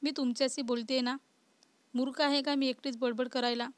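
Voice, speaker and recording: A woman voicing a lively, outspoken young woman in a story, close to her own reading voice. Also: sits high, moderate pace, dry recording, close to an everyday voice. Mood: insistent.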